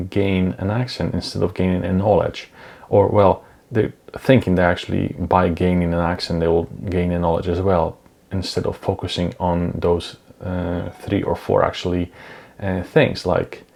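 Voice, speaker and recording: A European man in his thirties, English not his first language, vlogs casually to camera in a small, dim home studio on a clip-on lapel mic. He's unhurried with many ums and uhs, and his low-pitched voice is gravelly and a little mellow.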